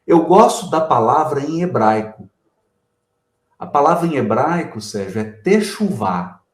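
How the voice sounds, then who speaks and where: A man, a guest giving a didactic spiritual talk with animated explanations. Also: a little high, unhurried, echoey room. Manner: animated explaining, addresses the host by name. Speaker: guest speaker.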